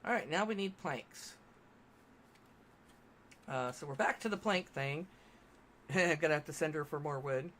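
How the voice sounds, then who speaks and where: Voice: medium pitch, a little slow, pauses often, a bit bright, slight background noise. A game streamer giving casual gameplay commentary, chatty and thinking aloud while building.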